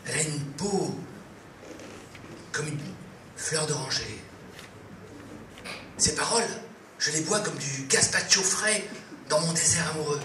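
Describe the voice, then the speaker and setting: A man telling a comic story live, in a playful, halting way, with many fillers. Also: a little high, lively intonation. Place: live venue. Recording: echoey room, distant mic, faint noise.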